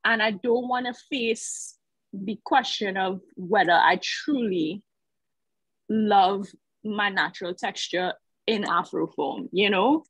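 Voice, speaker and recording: A woman's voice: medium pitch, slow, breathy edge, dry recording, rough recording. A woman from Trinidad, telling a personal story on a video call in a hesitant, reflective way. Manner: hesitant, reflective, many fillers. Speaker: call participant.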